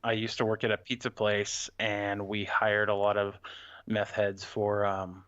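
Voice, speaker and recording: A man's voice: lowish voice, monotone, measured pace, a bit bright, smooth, no room sound, muffled recording. A man chatting casually as a podcast co-host, telling rambling stories with many fillers. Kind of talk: casual chat.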